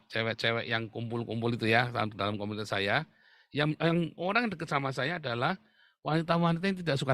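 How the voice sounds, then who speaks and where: A man's voice: mid-range voice, fairly bright tone, no room sound, clean studio sound. A man preaching a sermon, often addressing the listeners directly and laughing as he talks. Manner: addresses the congregation as "Saudara" often, with humor and laughs. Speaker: pastor.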